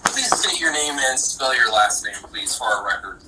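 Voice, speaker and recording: A man serving as a court commissioner, heard over a phone speaker, asking formal, measured questions in a polite, procedural way. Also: mid-range voice, animated. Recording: phone speaker heard from a distance, faint noise.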